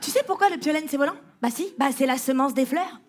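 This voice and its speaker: A woman's voice: high voice, animated, fast. A female comedian doing stand-up on a festival stage, teasing a spectator and playfully mangling words.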